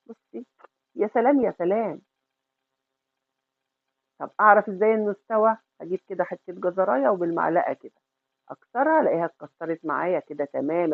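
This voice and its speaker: A woman's voice: lowish voice, creaky, no room sound, phone-quality sound. A middle-aged woman with an Egyptian accent hosts a home cooking tutorial. She talks affectionately, calls the viewer sweetheart, and asks and answers her own questions. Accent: Egyptian Arabic. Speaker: cooking channel host.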